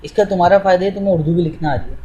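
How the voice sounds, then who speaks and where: Male english teacher, informal, step-by-step, mellow voice, slightly high pitch. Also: very fast, highs cut off, a little hiss or hum. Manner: informal, explains step by step while addressing a student. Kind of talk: live teaching with screen demonstration.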